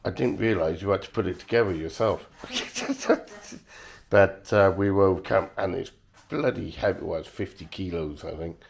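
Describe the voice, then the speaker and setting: Slow, gravelly, low-voiced man. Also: slight background noise. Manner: hesitant, joking, full of uhs. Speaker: vlogger showing new equipment. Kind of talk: casual chat to camera.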